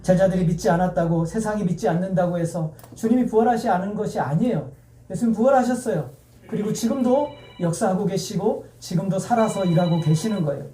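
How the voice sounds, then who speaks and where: A man's voice: sits high, fairly quick, mellow. Echoey distant male pastor preaching. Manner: emphatic, repetitive, asks the congregation questions. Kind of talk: sermon. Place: church sanctuary. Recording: echoey church sound heard from afar.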